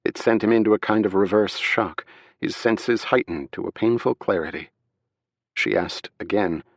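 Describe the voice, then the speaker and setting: A man narrates a thriller in a measured, steady read. His voice is very low, and the recording is dry and close, with no room sound. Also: no echo. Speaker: audiobook narrator. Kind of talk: scripted narration.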